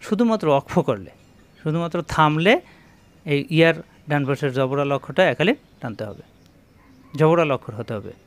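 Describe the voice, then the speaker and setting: Man slowly drilling Quran letter sounds. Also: fairly high pitch, animated. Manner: slow, drawn-out demonstration of letter sounds, repeating syllables; addresses viewers directly with instructions. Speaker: Quran recitation teacher. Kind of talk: spoken Quran reading lesson.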